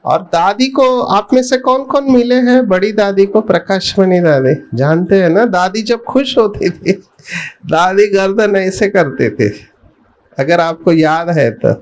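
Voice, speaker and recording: Man, middle-aged, spiritual speaker, unhurried delivery, asks the audience questions. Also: high-pitched, expressive, muffled recording. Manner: slow, storytelling, addresses the audience with questions. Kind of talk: spiritual talk with personal story.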